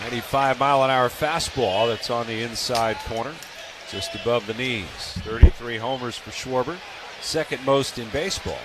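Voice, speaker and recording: A man with a mid-range voice calls a baseball game live on the radio at a moderate pace, working as an American play-by-play announcer. Stadium noise sits in the background of the broadcast.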